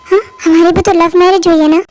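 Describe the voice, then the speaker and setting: A woman voicing a gentle, soothing mother. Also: very high voice, fairly even intonation, brisk, a little hiss or hum. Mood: coaxing. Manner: soothing, reasoning. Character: gentle caring mother and wife. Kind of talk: fan-made audio drama dub.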